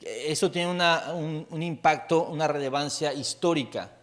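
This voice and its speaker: A man's voice: on the high side, normal speed. A man with a Mexican accent, a pastor giving a casual, joking sermon full of stories and rhetorical questions. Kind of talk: conversational sermon.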